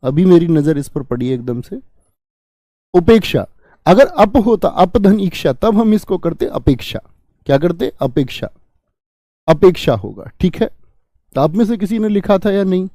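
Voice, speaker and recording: A man's voice: high-pitched, lively intonation, moderate pace, dark tone, no echo, clean studio sound. A young man teaching a grammar lesson online, explaining step by step and asking and answering his own questions. He calls his viewers friend and brother. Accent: Hindi.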